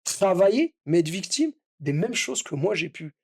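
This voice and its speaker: A man's voice: high voice, big pitch swings, moderate pace, a little mellow, slightly rough. A middle-aged man from the Paris suburbs, a chef and podcast guest, speaking passionately and emphatically in a casual podcast conversation, hammering key words through repetition. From Paris suburbs, Seine-Saint-Denis.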